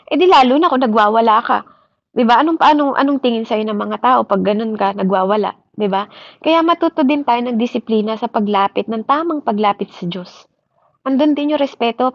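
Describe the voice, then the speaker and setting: Female preacher, a little high, code-switching sermon full of "di ba?" checks; dry, muffled audio. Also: dry recording. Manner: mixes English into Tagalog, keeps asking "di ba?". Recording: dry, slightly dull recording.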